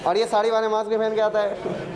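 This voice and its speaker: A man's voice: sits high, little pitch movement, fast talker. A male maths teacher giving a classroom lecture, working sums aloud and joking and teasing with his students. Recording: crowd of students audible.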